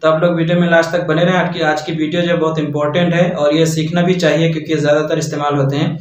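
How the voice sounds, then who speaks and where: Man teaching slowly in an echoey room. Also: on the high side, flat delivery. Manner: repeats phrases slowly for learners. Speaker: Arabic teacher. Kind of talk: casual language lesson. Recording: echoey, distant, dull mic.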